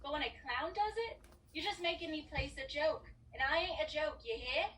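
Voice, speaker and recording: Sarcastic Cockney maid played by a woman, high voice, recorded from a distance. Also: moderate pace, a bit bright. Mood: grumbling. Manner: scolding, sarcastic. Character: grumbling female Cockney palace maid. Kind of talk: stage play acting.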